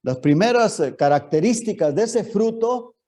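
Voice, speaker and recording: A male pastor teaching a Bible lesson in church. His voice sits a little high, yet it has a mellow, warm tone. He keeps putting rhetorical questions to his listeners. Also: animated, normal speed.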